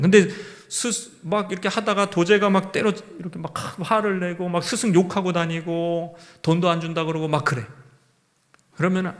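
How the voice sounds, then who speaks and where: Male pastor giving a sermon, fairly high voice, chatty, keeps asking the congregation questions. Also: a bit bright. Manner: conversational preaching with rhetorical questions.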